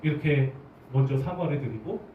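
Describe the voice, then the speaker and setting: A man preaching a sermon as pastor, animated, putting questions to his congregation. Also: medium pitch, normal speed, a little hiss or hum. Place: church hall. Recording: roomy, distant, dull church recording.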